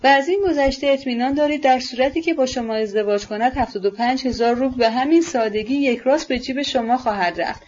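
A woman's voice: high voice, few pauses, darkish tone, slight background noise, natural voice. A woman voicing a shy, earnest young man who speaks timidly and sincerely, in a storybook reading on a dull recording.

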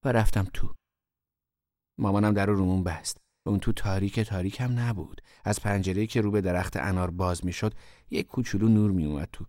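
A man narrating a first-person story in a relaxed, conversational storytelling manner. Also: low-pitched, no echo, clean studio sound.

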